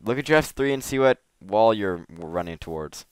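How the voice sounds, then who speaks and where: Jokey gamer guy with a low, swooping voice; casual and loud at times. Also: fairly quick, smooth, no room sound. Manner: goofy, jokey, yells excitedly. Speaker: gamer, channel host. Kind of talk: casual gaming chat.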